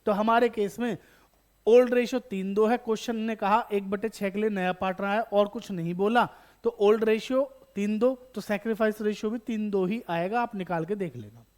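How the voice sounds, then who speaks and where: A male teacher walks students through an exam topic in a fairly high voice. He talks to them directly and fondly, poses a question, then supplies the answer himself, and repeats the key terms so they stick. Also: steady tone, moderate pace, a little mellow. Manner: calls students beta, bachche, addresses viewers directly. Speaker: accountancy teacher. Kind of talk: online exam-prep lesson.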